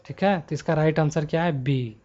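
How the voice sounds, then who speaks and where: A male grammar tutor with a high voice explains exam questions option by option. He slows down to list letters one at a time. The recording is muffled and lo-fi, made at a home computer mic. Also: a little mellow. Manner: talks students through multiple-choice answers. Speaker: Hindi grammar teacher. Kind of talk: online exam-prep lesson.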